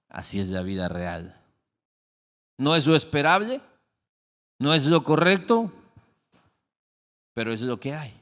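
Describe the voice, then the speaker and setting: A middle-aged man preaching a sermon as pastor, telling a family story, acting out the dialogue and dropping into soft, reflective tones. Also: mid-range voice. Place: church sanctuary. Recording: long hall reverb.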